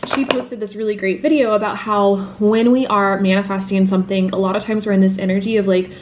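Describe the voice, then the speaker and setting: A woman in her twenties chatting casually to camera in a bubbly, laughing vlog from her bright apartment. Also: mid-range voice, fairly even intonation, brisk, dull audio, noisy background. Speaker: lifestyle vlogger. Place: bright apartment room at home. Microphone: camera mic at arm's length or on desk.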